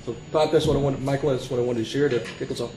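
A man giving a conference presentation as a panelist, halting and repeating words as he searches for phrasing. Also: mid-range voice, steady tone, warm tone, slight background noise. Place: conference hall. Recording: roomy hall sound.

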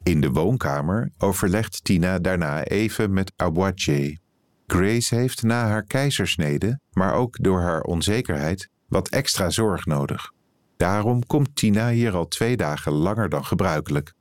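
Guy with a real low voice reading an article out loud, calm and even, super dry close mic. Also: measured pace, dry recording. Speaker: editor-in-chief reading an article aloud. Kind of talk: scripted narration.

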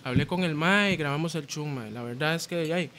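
A man with a Costa Rican accent chats as a podcast guest. His voice sits high, and his stories ramble in relaxed street slang. A faint hiss runs underneath. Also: brisk. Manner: easygoing, slang-heavy storytelling. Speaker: guest rapper. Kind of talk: casual podcast chat.

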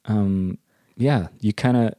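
A man talking as a guest in an interview, animated and quick, speaking in bursts. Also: on the low side, dry recording. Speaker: guest artist. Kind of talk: conversational interview.

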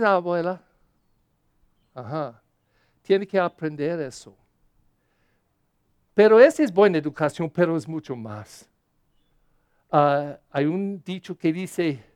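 Slow, emphatic priest preaching a homily. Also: male voice, high voice, clear, resonant tone, dry recording, studio quality. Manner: slow and emphatic, repeats key words, acts out short quoted voices. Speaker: parish priest. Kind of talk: Sunday homily.

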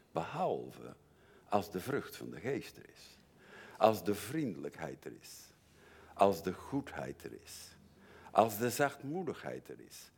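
An older man preaching a sermon in an earnest way, moving from quiet confession to emphatic warnings. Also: low voice, gravelly, husky. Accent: Dutch.

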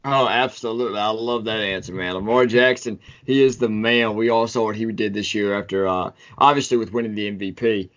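A man's voice: on the low side, fairly even intonation, fairly quick, few pauses, fairly bright tone. An American man hosting a casual podcast interview, friendly and saying man often. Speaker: podcast host. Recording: dull lo-fi sound.

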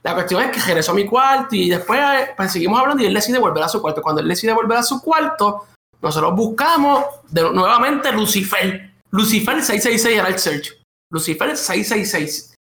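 A man telling a story casually, animated and full of swearing. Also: sits high, brisk, vocal fry. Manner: animated, swearing, laughing narration. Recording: echoey room.

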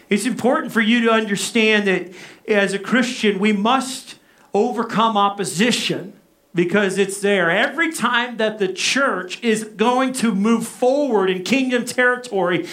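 A man's voice: sits high, a bit bright. A man preaching a sermon as a pastor, emphatic, leaning on rhetorical questions and repetition. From Arkansas, United States.

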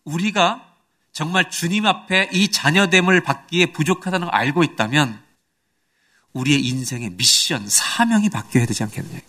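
Man, middle-aged, pastor preaching, fairly high voice, questions the congregation, shifts between hushed and fervent. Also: normal speed. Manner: swings from low intimate tones to high animated exhortation; asks the congregation questions and acts out scripture voices. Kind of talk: sermon.

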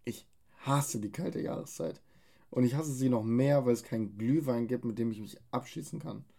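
A man with a dark, warm voice at a middle pitch. He tosses out deadpan, half-mumbled remarks and quick asides in crude banter with a friend. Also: vocal fry.

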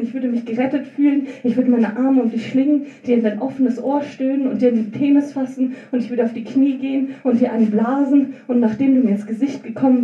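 A woman's voice: on the high side, warm tone, muffled recording. Woman reading letters in a roomy, distant recording. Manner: intimate, measured delivery that rises to intense outbursts. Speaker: author reading her own text. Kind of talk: literary reading of first-person letters.

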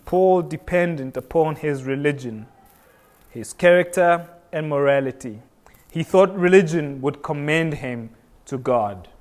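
A man's voice: a little high, a little slow. A young man from Kenya preaching a sermon earnestly, often repeating phrases for emphasis. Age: young adult.

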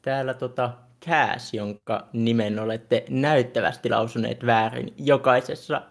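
A man's voice: mid-range voice, steady tone, vocal fry, a little hiss or hum. A Finnish man calling in to a live stream, hesitant and dry-humored. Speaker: caller. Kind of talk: phoned-in chat.

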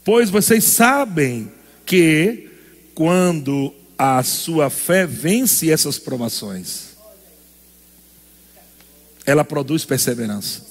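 A man's voice: a little high, lively intonation, very slow, pauses often, in a large hall. A male pastor preaching a sermon in an emphatic call-and-response style.

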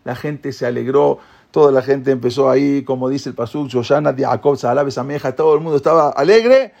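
Gravelly man telling a lively story. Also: mid-range voice, brisk. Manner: lively retelling, acts out quoted lines, scatters Hebrew terms. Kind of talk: animated storytelling lesson.

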